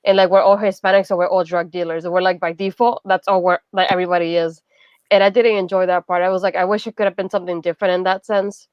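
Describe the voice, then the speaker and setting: A woman's voice: lowish voice, fast, clean tone, no room sound, lo-fi sound. A Puerto Rican woman with a Puerto Rican accent, chatting casually in a book discussion and filling her talk with "like". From Puerto Rico. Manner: chatty, frequent "like", animated asides. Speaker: book club co-host.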